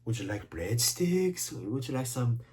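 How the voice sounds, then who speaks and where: Picture a pushy male restaurant waiter played by a man who keeps pushing breadsticks at a table. He mumbles in a mocking tone, a little lower and softer, with a lively, swinging pitch. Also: unhurried, slightly rough.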